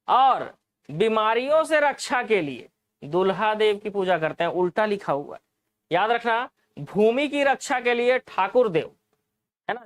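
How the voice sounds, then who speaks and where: A man's voice: very high voice, clean tone, dry recording. A man teaching an exam-prep lesson, explaining answers, repeating key points and asking the class rhetorical questions.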